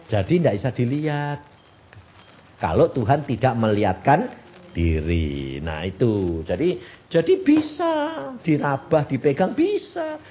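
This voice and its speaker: A man's voice: medium pitch, slight background noise. A man in his eighties with a Javanese accent, preaching a sermon and often asking his congregation rhetorical questions. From Central Java, Indonesia. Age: 80s. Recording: dull lo-fi recording.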